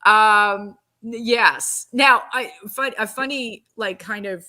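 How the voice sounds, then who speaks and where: An actress on a podcast spins a funny behind-the-scenes story in a casual, chatty way. Her voice is bright and forward, and she laughs often and slips into acted-out quotes. The delivery stays animated and loose. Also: mid-range voice, takes it slowly. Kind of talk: casual anecdote telling.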